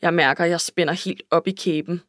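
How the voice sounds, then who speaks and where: A woman's voice: lowish voice, steady tone, a bit bright, no echo, clean studio sound. A woman reading a first-person novel aloud in an emotional, intimate way. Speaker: audiobook narrator. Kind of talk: scripted first-person narration.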